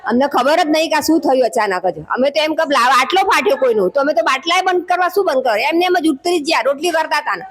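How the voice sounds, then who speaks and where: Middle-aged woman cook, high voice, shaken and halting, keeps restarting her sentences. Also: expressive, a bit bright. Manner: shaken, halting, full of restarts and quoted dialogue. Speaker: mess cook, crash witness. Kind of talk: emotional eyewitness account.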